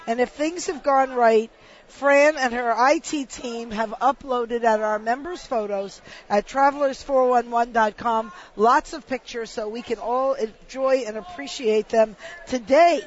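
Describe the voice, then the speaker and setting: A woman's voice: fairly high pitch, a little slow, dull audio. A woman hosting a radio travel show, speaking in an informative, friendly way.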